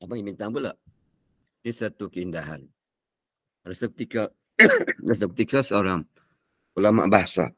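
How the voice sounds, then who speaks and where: A man's voice: lowish voice, expressive, normal speed, long pauses, fairly bright tone, no echo, clean studio sound. Older Malaysian man coughing through a lecture. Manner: chatty and digressive, breaks into Arabic recitation. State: coughing often. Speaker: religious teacher. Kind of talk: morning religious lecture.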